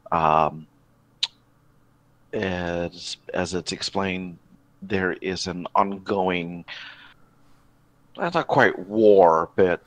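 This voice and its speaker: A man running a tabletop role-playing game over voice chat, narrating slowly with many fillers and restarts. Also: low-pitched, no room sound, rough recording. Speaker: game master.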